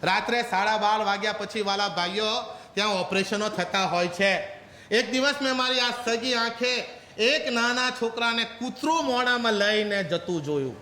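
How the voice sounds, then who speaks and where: A man from Gujarat preaching a sermon, animated and rhetorical, repeatedly asking his listeners questions. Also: sits high, moderate pace, reverberant, long reverb tail. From Gujarat, India.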